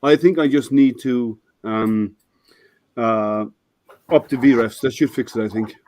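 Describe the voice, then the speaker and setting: Speaking a little slowly in a slightly scratchy, somewhat mellow mid-range voice, an older man walks viewers through his printer on a casual live stream. He restarts often and leans on fillers.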